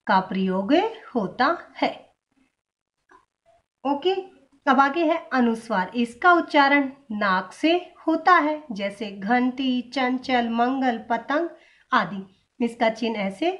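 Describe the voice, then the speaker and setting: A woman teacher giving a grammar lesson, spelling sounds out one at a time, asking the viewer questions and then answering them herself. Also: a little high.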